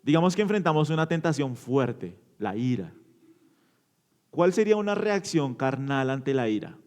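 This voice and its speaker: The pastor's pitch swings widely as he preaches at a normal pace, questioning the congregation and answering in turn. His sermon shifts between booming emphasis and quiet, low conclusions.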